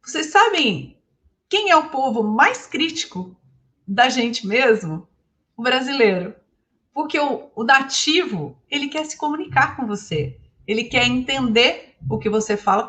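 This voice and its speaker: A woman from Brazil whose first language is Portuguese, giving a lively talk as an English teacher and asking her audience questions. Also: fairly high pitch. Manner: animated, asks the audience questions.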